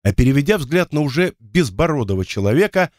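A man narrating an audiobook in a lively, expressive way. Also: on the high side, brisk, no echo, studio quality.

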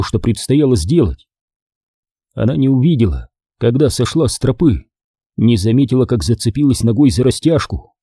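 A man narrating a horror audiobook in a measured, steady reading. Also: medium pitch, slightly rough, no echo, studio quality. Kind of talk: scripted narration.

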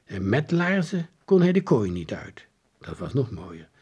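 A man reading a children's book aloud in a lively storytelling manner. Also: measured pace, slightly rough, dull audio. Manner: lively storytelling with varied pitch. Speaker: audiobook reader. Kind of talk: scripted narration of a children's book.

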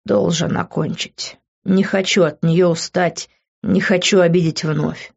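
A woman voicing a gloomy, self-doubting young man who speaks in a low-key, muttering way. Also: steady tone, a little slow, gravelly, husky, full character voice. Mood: brooding. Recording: dull lo-fi recording.

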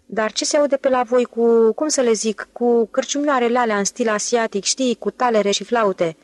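A woman's voice: fairly high pitch, fairly even intonation, darkish tone, dry recording, lightly acted. Sly ironic con man in an audiobook, probing questions, voiced by a woman reader, dry close sound. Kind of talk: audiobook character voice.

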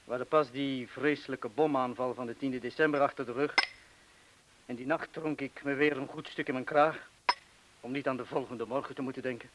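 Brisk and steady in tone, a man with a mid-range voice plays a self-doubting wartime bomb disposal man in a Dutch radio play. Lightly acted, he confesses his cowardice colloquially and with bitter self-deprecation, captured on a hissy old recording.

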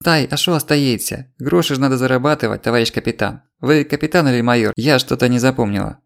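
A man with a mid-range voice and vocal fry, sounding close to his everyday voice, plays a sly, scheming market trader woman with a Ukrainian accent. He rattles off tearful complaints in a rapid, wheedling patter.

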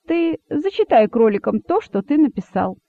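A woman's voice: fairly high pitch, very animated, moderate pace, no echo, voice pushed up. A woman playing a curt, menacing male king. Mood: stern. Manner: curt, commanding. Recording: dry tinny phone-like sound.

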